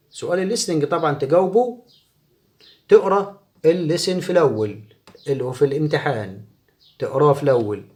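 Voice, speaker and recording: A man with an Egyptian Arabic accent teaching an English exam review. He explains the grammar in Arabic and reads the English example sentences slowly and clearly. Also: medium pitch, warm tone.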